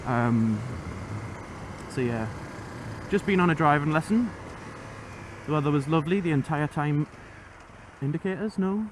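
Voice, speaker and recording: A man chats casually while riding a motorbike, rambling along like a vlogger into a mic inside his helmet, so his voice sounds muffled and enclosed. He speaks a little high at a measured pace with long pauses, over loud wind, engine and road noise.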